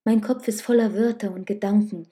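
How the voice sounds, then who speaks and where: A woman reading the lines of a tender, passionate noblewoman in a storybook, soft and pleading, sometimes urgent. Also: mid-range voice, fairly even intonation, fairly quick, lightly acted.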